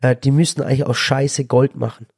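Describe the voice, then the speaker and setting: A man's voice: medium pitch, little pitch movement, fairly quick, creaky, darkish tone, breathy edge. A man in his thirties, a father co-hosting a podcast, speaking earnestly with frequent restarts and fillers. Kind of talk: casual chat.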